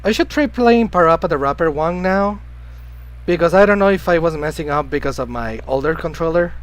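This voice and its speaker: A man's voice: on the high side, a little fast, clear, resonant tone, low-quality recording. A man live-streaming a video game, rambling casually, chatting with his viewers and coughing now and then because he has been sick. Spanish is his first language. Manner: chatty, rambling, greets and answers chat.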